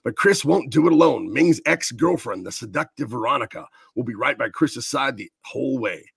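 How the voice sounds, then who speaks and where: A man putting on the voice of a dramatic male movie trailer announcer, reading in a slow, booming, theatrical way. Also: animated, creaky, fairly bright tone, husky, no echo, heavily acted. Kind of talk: mock trailer narration.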